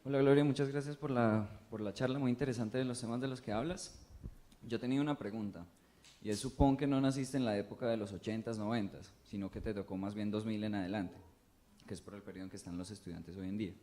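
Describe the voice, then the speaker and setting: Fast-talking young man in the audience. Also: on the low side, fairly even intonation, dark tone. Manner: polite, quick. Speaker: audience member asking a question. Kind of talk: audience question. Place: university lecture room.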